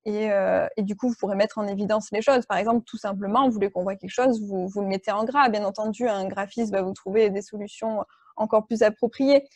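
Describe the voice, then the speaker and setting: A woman presenting an online training session, walking her audience through each point with a patient, explanatory manner. Her voice is warm and mellow, of middle pitch, and the recording is dry and close with no room echo. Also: steady tone, a little fast. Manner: explanatory, many fillers and restarts. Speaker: workshop trainer.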